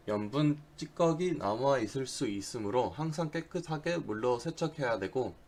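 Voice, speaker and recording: A man speaks at a medium pitch as an instructor presenting a lesson. He is not a native speaker of Korean. His delivery is halting, and he now and then slips on a word and says it again. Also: lively intonation, darkish tone. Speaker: diving instructor giving a lecture.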